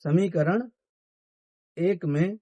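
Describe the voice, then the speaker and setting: High-voiced math teacher. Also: male voice, very slow, dark tone, no echo. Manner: asks questions and answers them himself. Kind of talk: classroom-style math lesson.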